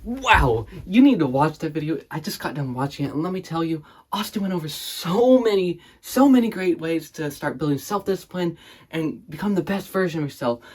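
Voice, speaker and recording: A man playing an overexcited male interviewer in a comedic skit, gushing and shouting with over-the-top enthusiasm. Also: fairly high pitch, animated, brisk, breathy edge, voice pushed up. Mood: hyper excited.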